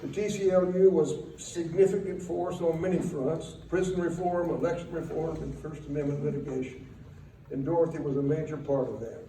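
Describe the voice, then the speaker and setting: An older man gives a fond, wry eulogy, reminiscing in a halting, faltering way with pauses. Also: a little high, fairly even intonation, warm tone. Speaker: eulogy speaker. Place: speaking at a memorial gathering in a room. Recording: roomy, distant mic, faint noise.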